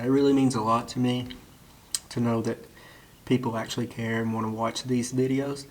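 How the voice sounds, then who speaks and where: A young man talking quietly and casually to the camera while camping inside a small shed at night, in a relaxed, rambling way. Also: medium pitch. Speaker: vlogger. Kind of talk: casual vlog talk to camera. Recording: faint background noise.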